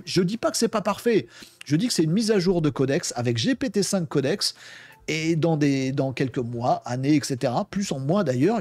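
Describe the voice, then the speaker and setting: Man, French speaker, tech tutorial, casual and excited, slangy, slightly high, dry close sound. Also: no room sound. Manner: enthusiastic, acts out imagined dialogues; colloquial slang, many fillers. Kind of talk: casual screen-share tutorial.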